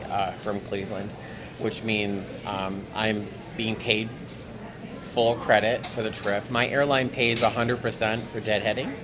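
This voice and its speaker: A tired man chatting casually to his handheld camera as a flight attendant vlogger, recorded in an airport terminal. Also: medium pitch. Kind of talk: casual vlog chat to camera. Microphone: handheld camera at arm's length. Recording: clear airport background noise.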